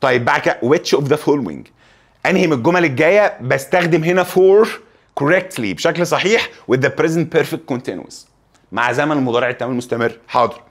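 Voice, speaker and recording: A young man with an Egyptian Arabic accent teaching an exam review lesson. He reads the English examples slowly and teases the students with joking asides. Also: fairly high pitch.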